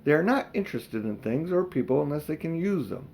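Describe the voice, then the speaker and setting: A man's voice: on the high side, sing-song, a little fast, gravelly, a little mellow, slight background noise. An older man reading a children's story aloud in an informal way. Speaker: audiobook reader.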